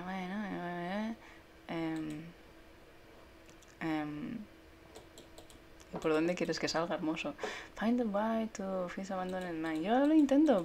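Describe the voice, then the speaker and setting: Chatty streamer woman, lower voice. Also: creaky, a little hiss or hum. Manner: chatty, swearing, laughing, reads chat aloud. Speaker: gameplay streamer. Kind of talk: casual gameplay commentary.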